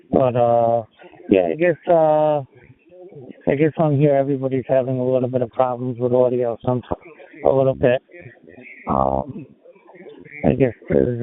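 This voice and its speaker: Brief: mid-pitched ham operator over a tinny radio link, friendly, hesitant. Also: male voice. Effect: heard over a radio link. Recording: tinny narrow radio audio.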